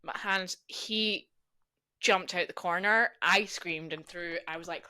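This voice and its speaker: A woman's voice: fairly low pitch, takes it slowly, sharp tone, dry recording. A young adult woman co-hosting a casual podcast chat. She tells stories and swears freely. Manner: chatty storyteller, swears freely. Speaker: podcast co-host.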